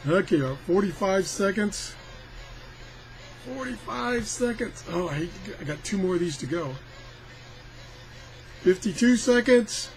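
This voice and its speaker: An older man reviews a product, demonstrating it casually in a rambling, folksy, self-deprecating way with some grumbling. His high-sitting voice is expressive and unhurried with frequent pauses, captured in a clearly noisy amateur recording.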